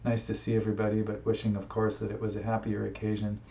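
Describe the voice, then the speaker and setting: Gravelly man talking over a distant webcam mic. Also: on the low side, monotone, dark tone, slight background noise. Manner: reflective and heartfelt, halting with fillers. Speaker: musician. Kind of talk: personal tribute talk to camera. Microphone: webcam microphone. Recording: roomy, distant, dull webcam sound.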